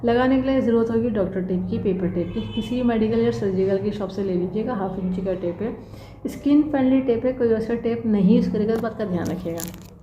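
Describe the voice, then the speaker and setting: A woman's voice: on the high side, a little fast, dark tone, roomy sound, dull audio, a little hiss or hum. A woman teaching acupressure, walking viewers through a demonstration and checking in often with "theek hai". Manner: instructive, frequent "theek hai" check-ins. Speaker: acupressure instructor. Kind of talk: demonstration tutorial.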